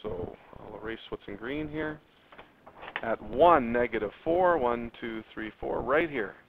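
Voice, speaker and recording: A man's voice: mid-range voice, unhurried, gravelly. A man teaching a math lesson to his class, drawing out words and jumping up on key terms while talking straight to his students. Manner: lively, stretches words, spikes up on key terms; addresses students directly. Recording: tinny lo-fi phone-like classroom recording, faint noise.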